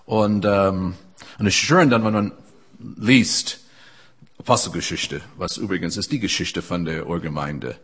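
Low husky preacher, earnest and halting, German sermon. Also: male voice, fairly bright tone. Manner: earnest, halting, with frequent restarts.

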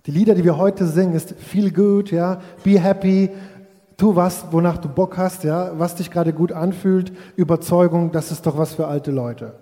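A man's voice: a little high, fairly even intonation, moderate pace, few pauses, warm tone. A man preaching a sermon, reflective and speaking straight to his congregation, now and then acting out quoted voices. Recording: long hall reverb.

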